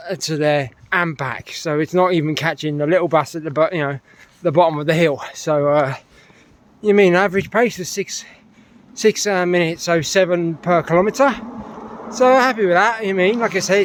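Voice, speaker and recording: A middle-aged British man talks casually to camera after a run, still a bit out of breath. His voice sits a touch high for a man and is recorded close and dry. He rambles with many fillers and restarts. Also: normal speed, dry recording. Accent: British English. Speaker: running vlogger.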